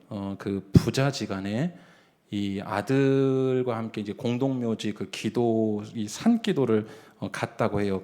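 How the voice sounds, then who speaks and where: A middle-aged man, a senior pastor, preaching a Sunday sermon in a church, telling a story in hushed tones and then building to emphatic calls. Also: medium pitch. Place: church sanctuary.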